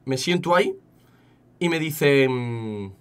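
A young man with an accent from Spain, telling a story casually to his chat, animated and often repeating words. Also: medium pitch, takes it slowly, smooth. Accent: Spain Spanish. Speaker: streamer.

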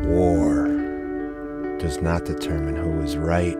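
A man's voice: extremely low pitch, flat delivery, slow pace. A man giving solemn, dramatic scripted narration in the manner of a war film. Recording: loud music over the voice. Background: loud guitar music.

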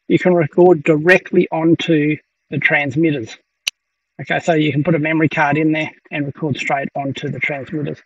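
A man with a fairly high, slightly bright, husky voice gives a casual gear review from his home workshop while 3D printers run. He sounds hesitant, full of ums and restarts, and the audio is muffled with the mic a bit far away.

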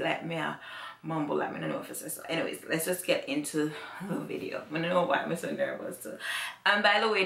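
A woman's voice: on the low side, creaky, fairly bright tone. A woman with a Jamaican accent chatting casually to her vlog audience, rambling and repeating herself. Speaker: vlogger. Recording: echoey room.

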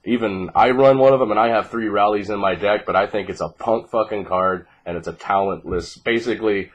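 A card game player in his twenties talks through his deck in a casual, easygoing way, swearing as he goes. His voice is fairly low and fairly quick but groggy and congested from fighting a cold. He's indoors in a small living room, on a noisy home webcam recording with clicks.

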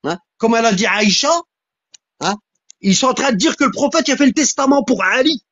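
A husky, insistent voice delivers a heated religious polemic and keeps hammering points home with repeated questions. The sound is dry and close, with a dull lo-fi quality. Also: medium pitch, animated, fairly quick, a bit bright, dry recording. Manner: insistent, repeats "hein?" and "tu vois?"; emphatic, repeats lines for stress.

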